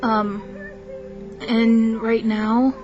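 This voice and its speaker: Speaking extremely slowly in a fairly high, level voice, this young vlogger vents to her camera, tired from lack of sleep, candid and unsure, frequently starting sentences over. The recording sounds muffled, and soft movie-score music runs in the background.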